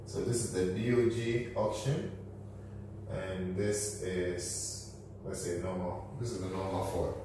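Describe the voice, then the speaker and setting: In this whiteboard lesson, the finance educator's low voice shows little pitch movement and stays unhurried. He is a man in his thirties going step by step through figures in a small office room, captured off-mic by a distant camera amid room echo and a faint hum.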